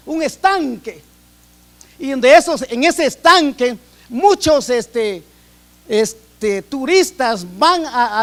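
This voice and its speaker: A Guatemalan man with a Guatemalan Spanish accent preaches a sermon earnestly, often repeating and restarting his phrases. His voice is very high and a bit bright.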